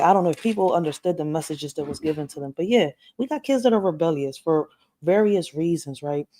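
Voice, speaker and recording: With a fairly low pitch and a warm tone, a Puerto Rican woman who vlogs about parenting addresses her audience directly on family life. She speaks emphatically in a relaxed monologue, often adding "right?" and "you know."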